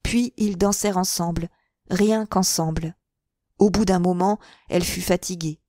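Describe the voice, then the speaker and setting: A woman narrating a classic novel as an audiobook in a clear, measured and expressive way on a close mic. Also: on the low side, dry recording.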